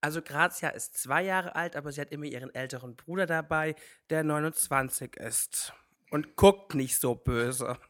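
A man's voice: fairly high pitch, normal speed, fairly bright tone. A man in his twenties, a drag artist, answering interview questions in a witty, wordplaying way. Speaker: drag artist, civil servant.

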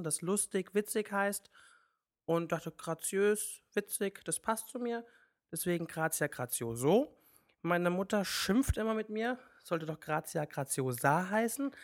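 A man in his twenties, a drag artist, answering interview questions in a witty, wordplaying way. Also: high-pitched. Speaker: drag artist, civil servant.

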